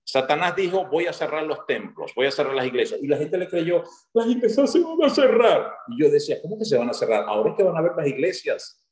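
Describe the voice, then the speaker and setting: A man from Maracaibo in Venezuela with a Maracaibo accent, preaching a sermon as a guest pastor, talking fast and getting excited. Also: fairly high pitch, echoey room. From Venezuela (Zulia).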